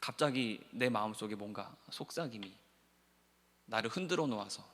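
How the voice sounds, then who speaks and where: A male pastor preaching a sermon, swinging between hushed, soft passages and loud, impassioned pleading. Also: lowish voice, lively intonation, normal speed. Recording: long church hall reverb.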